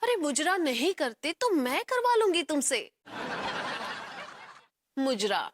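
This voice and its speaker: A brash, teasing dancer. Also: female voice, high voice, very animated, slow pace, no room sound, clean studio sound, exaggerated voice. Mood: mocking. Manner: teasing, bold and mocking. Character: brash flirtatious dancing woman. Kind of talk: TV sitcom acting.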